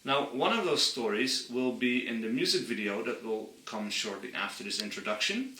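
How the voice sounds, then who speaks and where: A man's voice: mid-range voice, pushed and bright, recorded from a distance. Earnest man in echoey room. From Friesland, Netherlands. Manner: earnest, passionate, slows down to stress points. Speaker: channel host. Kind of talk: explainer monologue.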